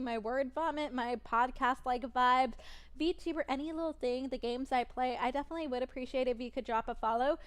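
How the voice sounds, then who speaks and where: Worn out after a long stream, a young woman in her early adult years keeps chatting casually, giggling and rambling. Her voice is high, smooth and naturally soft.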